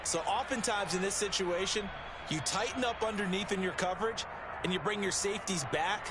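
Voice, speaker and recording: A man with a high voice breaks down football coverage as a color commentator. He explains calmly and steadily. Loud noise sits behind his voice. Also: brisk. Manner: calm, explanatory analysis. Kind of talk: football broadcast analysis.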